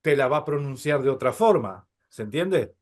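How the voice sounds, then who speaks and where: A man's voice: mid-range voice, expressive, normal speed. A man teaching a Hebrew class, explaining patiently, calling his listeners brothers and checking often that they follow.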